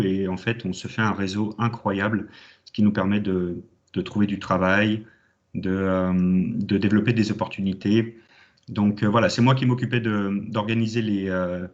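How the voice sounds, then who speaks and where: A man in his thirties from Champagne, France, gives an alumni talk as a guest speaker at an online conference. His fairly low, slightly mellow voice is enthusiastic but full of hesitant fillers, and the audio sounds dull and lo-fi, like a video call.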